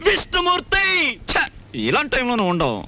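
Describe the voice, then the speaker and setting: Actor as brash teasing young man, lively fast delivery, film score. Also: a little high. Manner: excitable, teasing, animated.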